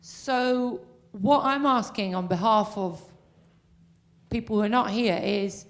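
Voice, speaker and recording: A woman in the audience asking a long earnest question at a public meeting, pausing with fillers. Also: mid-range voice. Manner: earnest, pauses with um. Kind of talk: question from the floor.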